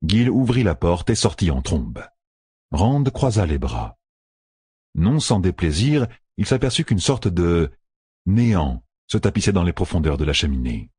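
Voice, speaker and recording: A man narrating a fantasy audiobook in an expressive, storytelling manner, close to the mic. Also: deep voice, unhurried, breathy edge, dry recording.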